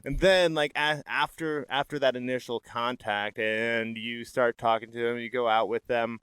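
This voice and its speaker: A man hosting a podcast, chatting casually with a guest in a relaxed, easygoing way and laughing a lot. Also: medium pitch, normal speed, clear, resonant tone, no echo. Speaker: podcast host. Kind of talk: casual interview talk.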